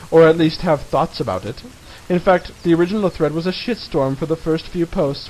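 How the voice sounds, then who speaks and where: A man's voice: a little high, a little mellow. A man giving a mock-dramatic reading of a satirical article in a theatrical, mocking manner, as narrator. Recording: hissy, noisy home recording.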